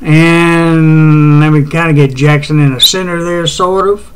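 A man's voice: fairly high pitch, steady tone, unhurried, smooth, poor audio. A middle-aged man with a West Tennessee Southern accent, hosting a casual home weather show, rambling with many fillers and restarts. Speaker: amateur weather show host.

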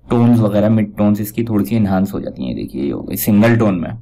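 A man giving a casual step-by-step software tutorial, pointing out each step as he goes. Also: fairly low pitch, big pitch swings, fast, gravelly, poor audio. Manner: talks step by step, repeats "dekhiye" while pointing things out. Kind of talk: casual screen-recorded tutorial.

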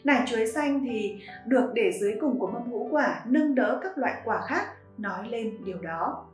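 A woman giving scripted narration in an even, listing tone. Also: a little high, normal speed. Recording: roomy echo with faint music.

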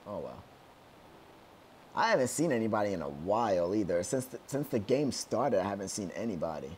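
A young man giving casual commentary on his own gameplay at home, excitable and yelling whenever things go wrong. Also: on the low side, a little fast, a little hiss or hum. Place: at home, outside his room.

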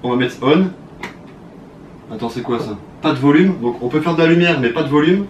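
A young man with a French accent, chatting excitedly to viewers as he unboxes a collector's set. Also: fairly high pitch, brisk, dull audio, slight background noise. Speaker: YouTuber. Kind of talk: casual unboxing commentary.

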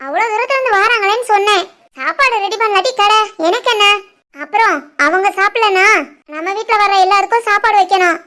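Bossy chatty village mom, a woman doing it, very high voice, southern tamil nadu accent, cartoon. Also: brisk, pushed and bright. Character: fussy doting middle-aged village mother. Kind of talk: animated family story voicing.

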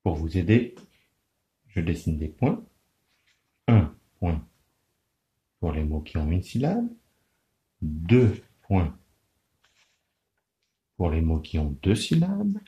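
Slow, lively-pitched man teaching children. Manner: slow, clearly articulated, sing-song teacherly delivery. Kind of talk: children's lesson on syllables.

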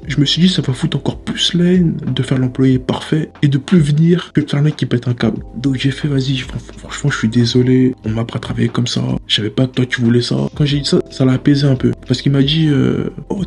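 Young man, gravelly mid-pitched voice, laid-back slangy storytime monologue. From Paris area. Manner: relaxed, slangy, rambling with frequent "tu vois".

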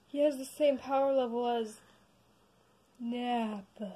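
A woman doing a teasing, sarcastic Goku for a homemade action-figure video shot in a basement. Her voice is high, and she fires off blunt comebacks in a casual, offhand way. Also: fairly even intonation, slow pace, warm tone, low-quality recording. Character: Goku, cheerful male alien fighter. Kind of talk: casual improvised toy-figure play.

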